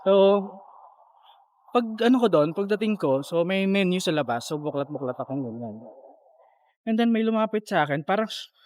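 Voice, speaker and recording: A man's voice: a little high, expressive, normal speed, darkish tone, dry recording. A man vlogging while walking outdoors, chatting and telling a story in casual speech, a bit out of breath from the uphill walk. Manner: chatty storytelling, mixing Filipino and English. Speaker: travel vlogger. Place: outdoors on city streets. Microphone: handheld phone or camera. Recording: street noise behind the voice. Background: street traffic noise.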